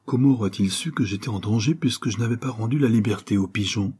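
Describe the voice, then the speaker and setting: A man reading an audiobook, voicing a young mother who speaks in a hushed, trembling way. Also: on the low side, quick pace, slightly rough. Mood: shaken. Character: young mother, shaken and tearful. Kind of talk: audiobook character voice.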